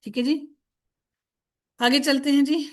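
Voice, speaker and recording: A woman's voice: sits high, fairly even intonation. Patient woman teaching grammar drills. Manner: patient, repeats word forms in drills, asks and answers own questions; mixes in English words. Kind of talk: recorded lecture.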